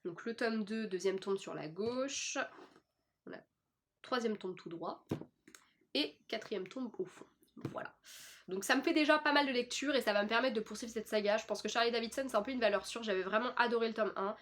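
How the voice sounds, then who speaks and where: A woman's voice: a little high, brisk, a bit bright. Young French woman, casual book vlogger, chatty, lots of hesitations. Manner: chatty, lots of fillers and restarts. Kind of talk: casual chat.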